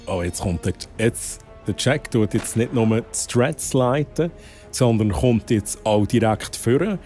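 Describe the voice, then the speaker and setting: A man's voice: medium pitch, animated, measured pace, mellow, soft background music. A young man from Switzerland with a Swiss German accent, chatting casually to his chat while gaming, often dropping English exclamations. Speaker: streamer.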